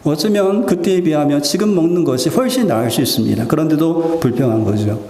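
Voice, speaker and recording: A man's voice: a little high, a little fast. A male pastor preaching a Sunday sermon, acting out the people's pleas and complaints in small bursts. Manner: acts out quoted pleas and complaints in lively bursts. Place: church sanctuary. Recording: echoey church hall.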